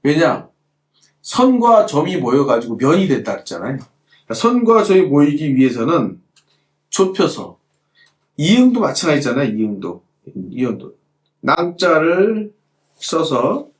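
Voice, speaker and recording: A man's voice: on the high side, sing-song, measured pace, pauses often, roomy sound. A middle-aged man teaching a calligraphy class as he demonstrates, repeating points and asking the students rhetorical questions. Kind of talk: hands-on lesson while demonstrating.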